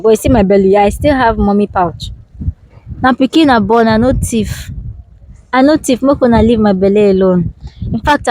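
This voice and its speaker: A woman's voice: a little high, darkish tone, rough recording. A young woman with a Nigerian accent, chatting casually in a vlog as a mother, ranting animatedly and slipping into pidgin. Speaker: mother vlogger. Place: outside the home.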